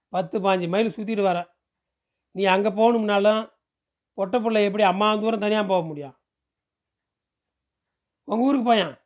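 A man's voice: high voice, close to an everyday voice. A man voicing a pushy, talkative middle-aged village man who fires off questions in rural speech in an audiobook. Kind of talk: audiobook character voice.

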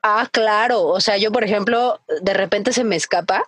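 A woman's voice: medium pitch, normal speed, no echo. A young Mexican woman co-hosting a chatty podcast, telling a story and acting out other people's voices. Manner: animated, acts out her dad's shouting, many fillers. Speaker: podcast co-host. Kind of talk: casual storytelling chat.

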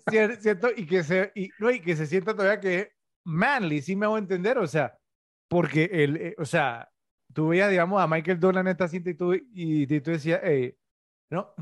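A man's voice: high voice, brisk, no room sound, clean studio sound. A middle-aged man co-hosting a casual film-review podcast, rambling and full of tag questions. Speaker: podcast co-host.

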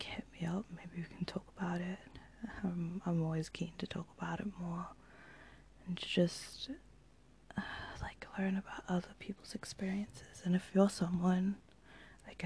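A woman's voice: fairly low pitch, gravelly, darkish tone, slight background noise. A young woman, talking casually in a whispered ASMR voice, rambling with lots of fillers. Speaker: channel host.

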